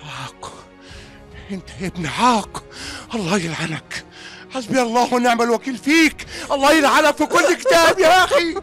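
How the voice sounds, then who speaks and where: An older father of a rich family in a radio drama, his Egyptian voice sharp and high. He repeats his curses and orders as he shouts, his pitch leaping about. Soft music plays under him. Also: expressive, fairly quick. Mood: furious. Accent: Egyptian Arabic. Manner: shouting, cursing, repeating himself. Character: wrathful wealthy patriarch, older father disowning his son.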